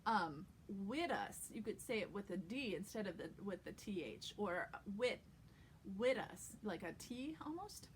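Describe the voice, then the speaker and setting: A woman's voice: mid-range voice, big pitch swings, moderate pace, hardly any pauses, slight background noise, low-quality recording. A woman giving a casual accent lesson as an acting coach, chatting and demonstrating vowel and consonant sounds aloud.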